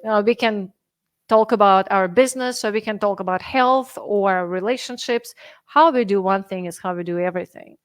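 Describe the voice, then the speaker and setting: A Russian woman in her thirties, a health and fitness coach appearing as a podcast guest, earnestly explains her coaching steps in conversational English with a Russian accent. Her medium-pitched voice is clear and resonant at a moderate pace, recorded at studio quality with no room sound.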